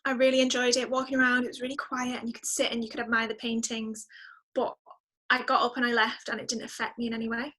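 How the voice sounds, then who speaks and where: A woman who is a musician appears as a podcast guest, talking fast in a fairly high, very bright voice with a level tone. She thinks aloud reflectively and enthusiastically, keeping things casual.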